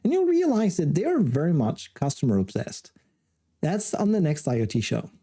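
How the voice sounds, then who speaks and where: A man's voice: fairly high pitch, huge pitch swings, moderate pace, very noisy. A man hosting a tech interview show, chatting in an upbeat, easygoing way. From France. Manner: chatty, upbeat, with small laughs. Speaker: show host.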